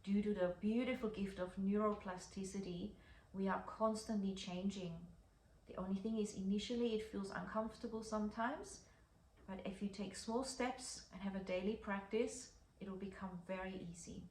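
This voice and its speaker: Woman, breathing instructor, encouraging explanation, mid-pitched voice, echoey room, faint noise. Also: fairly even intonation, moderate pace, a little mellow. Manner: reassuring, encouraging, unforced. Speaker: breathwork teacher. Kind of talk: instructional talk introducing breathing practice.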